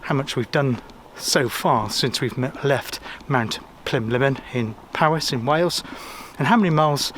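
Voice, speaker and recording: Out by a river next to a busy road, a man speaking Gloucestershire English gives loose walking commentary full of little restarts. His mid-range voice is fairly bright, moving at normal speed with few pauses, while road and weir noise murmur faintly behind him.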